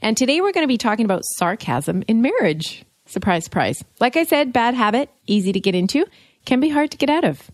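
A woman co-hosting a podcast, playful and teasing, often answering with quick interjections. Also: on the high side, big pitch swings, no echo. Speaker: co-host. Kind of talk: casual podcast chat.

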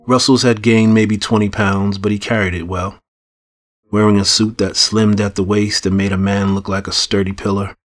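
Low, flat, husky male narrator. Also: moderate pace. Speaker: audiobook narrator. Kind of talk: first-person fiction narration.

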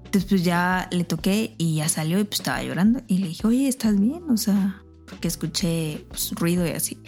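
A woman's voice: lowish voice, moderate pace, soft background music. A woman with a Mexican accent, casually telling an anecdote on a podcast and acting out the voices in it. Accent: Mexican Spanish. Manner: animated, acts out voices in her anecdote. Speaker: podcast co-host. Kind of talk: casual storytelling chat.

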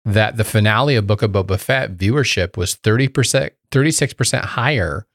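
A man's voice: on the low side, fairly quick, dry recording, clean studio sound. A man co-hosting a podcast, chatting enthusiastically about a TV series and acting out his reactions. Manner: enthusiastic, animated retelling with acted asides. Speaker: podcast co-host. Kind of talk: casual chat about a TV series.

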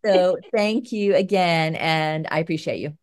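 A woman's voice: fairly low pitch, measured pace, dry recording. A middle-aged American woman with a Southern accent from Georgia, speaking as a show host in conversation and commentary. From Georgia, United States. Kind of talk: conversational interview and spoken commentary.

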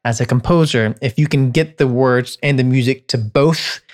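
A man's voice: mid-range voice, normal speed, a little mellow. A man in his thirties talks casually about writing songs, a composer who teaches. He thinks aloud and restarts his sentences often. Now and then he briefly sings a phrase to show what he means. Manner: thoughtful, many restarts, sings short melodic lines to illustrate. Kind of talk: casual explanatory talk.

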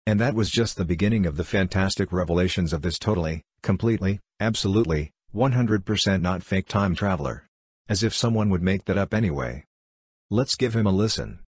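A man's voice: sits low, brisk, breathy edge, dry recording, studio quality. A man narrating a scripted story as a video host, with a wry, tongue-in-cheek delivery.

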